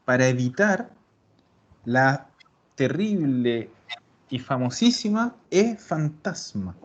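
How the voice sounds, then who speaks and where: A man teaching an online language class, explaining patiently and slowing down to repeat example words. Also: medium pitch, big pitch swings. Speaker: Italian teacher. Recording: dull lo-fi recording.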